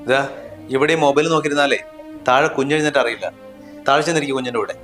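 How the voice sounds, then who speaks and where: A man's voice: mid-range voice, fairly even intonation, very fast, fairly bright tone, echoey room, soft background music, lightly acted. A man acting a husband in a short drama, scolding and dismissive in tone. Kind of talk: scripted drama dialogue.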